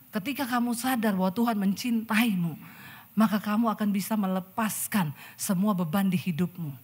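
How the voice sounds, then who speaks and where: A woman pastor with an Indonesian accent preaching a lively sermon to a church congregation, acting out the people in her stories with chatty asides. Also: fairly high pitch, husky. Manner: animated, acts out quoted people, chatty asides. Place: church service in front of a congregation.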